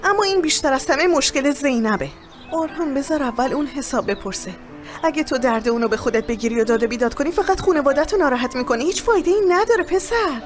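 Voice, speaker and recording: A man's voice: very high-pitched, lively intonation. A dub actor voicing a level-headed young man who scolds his friend in a Persian dub of a Turkish drama. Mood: reproachful. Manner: reasoning, reproachful. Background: music.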